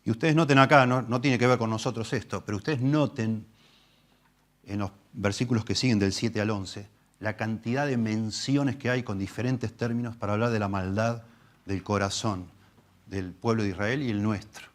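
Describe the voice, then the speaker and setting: Low-voiced Rioplatense pastor preaching. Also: male voice, fairly even intonation. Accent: Rioplatense Spanish. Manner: emphatic, swings from loud stresses to low asides; reads scripture slowly and deliberately. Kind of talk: expository sermon. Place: church.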